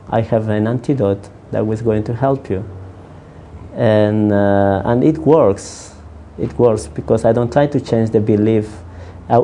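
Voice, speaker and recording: A counselor who is not a native English speaker answers interview questions haltingly, often restarting his sentences. His voice is fairly low with a dark tone, and there is slight background noise.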